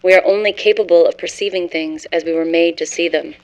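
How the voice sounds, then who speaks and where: Woman reading as a low, even-toned haunted scholar. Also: a little fast, natural voice, poor audio. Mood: grave, haunted. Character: haunted scholar confessing forbidden cosmic horror discovery. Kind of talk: scripted first-person horror story narration.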